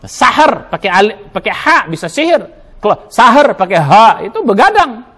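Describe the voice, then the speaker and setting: A man's voice: sits high, sing-song, normal speed, a bit bright. A man preaching a Ramadan sermon in a mosque, emphatic, spelling out Arabic letters and sounds, asking questions and answering them himself. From Indonesia. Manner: asks and answers his own questions.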